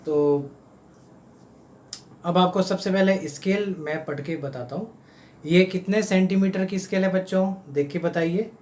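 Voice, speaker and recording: A man teaching a home math lesson to children, patiently repeating each number slowly. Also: sits high, fairly even intonation, a little mellow, recorded from a distance. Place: room at home. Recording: roomy, off-mic, faint hum.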